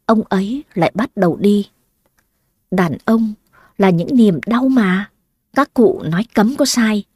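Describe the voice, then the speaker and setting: A woman telling a first-person family story, lively with dramatic exclamations. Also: medium pitch, no echo, clean studio sound.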